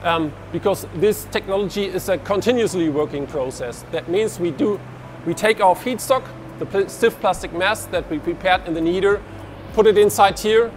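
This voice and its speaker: A man's voice: sits high, normal speed, slight background noise. A man, giving a walking tour of an industrial hall and explaining with his hands as he talks into a lapel mic. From Germany. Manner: explains with hand gestures, frequent restarts. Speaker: researcher giving a lab tour. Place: large industrial hall, indoors.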